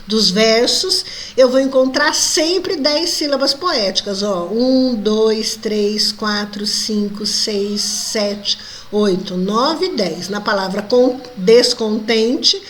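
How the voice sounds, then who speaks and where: A woman teacher with a Brazilian accent, walking students through a lesson and checking in with tag questions. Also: fairly high pitch. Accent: Brazilian Portuguese. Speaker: Portuguese language teacher. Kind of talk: recorded online lesson.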